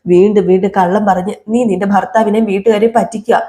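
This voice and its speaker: A woman's voice: mid-range voice, steady tone, quick pace, mellow, close to an everyday voice. A woman doing a furious, bitter mother. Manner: scolding, repeats accusations, dares her daughter. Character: angry middle-aged mother, bitter, defiant.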